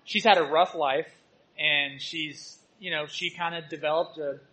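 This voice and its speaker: In a rough recording, a male church teacher delivers a sermon with personal stories, alternating between loud exhortation and soft asides. His voice is a little high, steady in tone, and unhurried.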